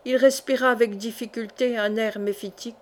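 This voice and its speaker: Reading a classic adventure novel for an audiobook, this woman's voice is a little high. Her narration is measured yet expressive.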